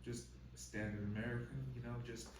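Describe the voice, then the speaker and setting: A man's voice: mid-range voice, fairly even intonation, normal speed, a little hiss or hum. Laid-back young man in an echoey room. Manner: laid-back, hesitant, many "um"s. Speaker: guest actor. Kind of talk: casual podcast chat. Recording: roomy sound from a distant mic.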